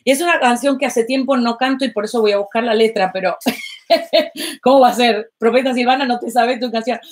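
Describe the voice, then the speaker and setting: A woman's voice: fairly high pitch, fast talker. A woman prophet and worship leader, praying aloud with fervor and speaking directly to viewers on a live stream. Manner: fervent, prays aloud and addresses online viewers directly. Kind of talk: live-streamed prayer and preaching.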